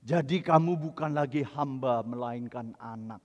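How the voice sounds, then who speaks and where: A male pastor preaching a sermon, moving between quiet storytelling and loud, emphatic preaching. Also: medium pitch, moderate pace, lo-fi sound. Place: large church hall. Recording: reverberant church hall.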